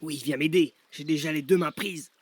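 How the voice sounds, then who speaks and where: A man acting in a comedy web series, blustering and shouting. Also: on the high side, moderate pace.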